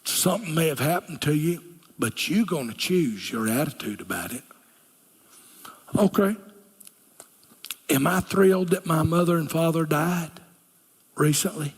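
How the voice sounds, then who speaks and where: Pastor preaching in a church hall. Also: male voice, fairly high pitch, animated, measured pace, pauses often, husky. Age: older. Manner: folksy, earnest, drops to a whisper for key lines. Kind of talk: sermon. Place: church sanctuary.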